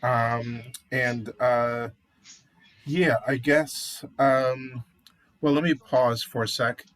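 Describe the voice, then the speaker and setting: A man's voice: medium pitch, fairly even intonation, drawn-out words, fairly bright tone. A man co-hosting a casual talk show about recent news, speaking hesitantly as he thinks aloud.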